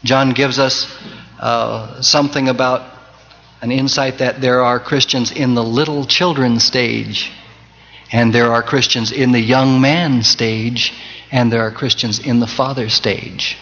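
A male pastor delivering a Sunday sermon, swinging from loud emphasis to soft, close tones and quoting scripture in old-fashioned cadence. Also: medium pitch, fairly even intonation, unhurried. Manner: preaching with wide swings in loudness and emphasis. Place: church sanctuary. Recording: dull 1980s church tape with long reverb.

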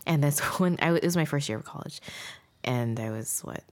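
With a low, slightly mellow voice at a moderate pace, a podcast co-host in her thirties chats casually and reflectively, thinking out loud as she rambles.

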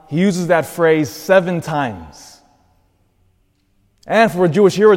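A man's voice: medium pitch, darkish tone. A priest reads the gospel and then preaches, his voice earnest and emphatic. His mid-range voice rings out with a long cathedral echo. It sounds as though it fills a large stone church. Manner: earnest and emphatic, building up through lists. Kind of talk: gospel reading and homily.

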